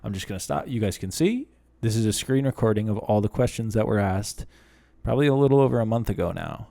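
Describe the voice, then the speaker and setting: A man's voice: on the low side, animated, fast talker, creaky, warm tone. A man in his late twenties hosting a casual question-and-answer video for his channel, rambling and self-deprecating as he talks things through with frequent restarts. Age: late 20s. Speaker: channel host. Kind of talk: casual Q and A vlog.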